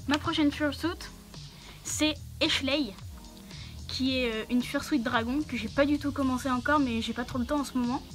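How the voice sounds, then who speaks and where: High-voiced young woman through a costume head. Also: fairly even intonation, normal speed, over music. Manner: hesitant, many fillers. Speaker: channel host answering questions. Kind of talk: casual Q&A vlog.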